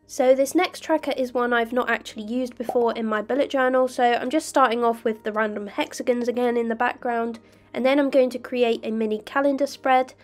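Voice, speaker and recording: A young woman with a slightly croaky voice from illness, calmly narrating her journaling step by step. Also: fairly high pitch, a little fast, faint music behind. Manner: calm, detailed step-by-step explaining. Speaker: bullet journal vlogger. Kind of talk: voice-over narration of crafting.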